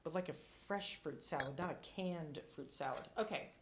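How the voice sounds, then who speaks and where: A woman's voice: low voice, moderate pace, background noise. A woman sommelier giving casual tasting commentary, thinking aloud with playful, descriptive asides. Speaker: sommelier reviewing wines.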